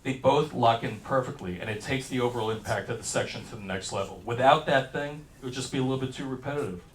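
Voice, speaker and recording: A man lectures enthusiastically to a class in a lecture hall, breaking down how a hit song is built and explaining things over faint song excerpts. His mid-range voice moves fast. The low-quality recording was made from a distance, with reverb and a little hiss or hum.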